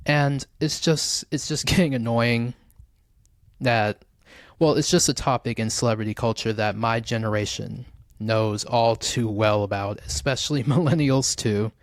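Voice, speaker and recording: Man, show host, casual commentary, average pitch, very little room echo. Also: fairly even intonation, a little slow, studio quality.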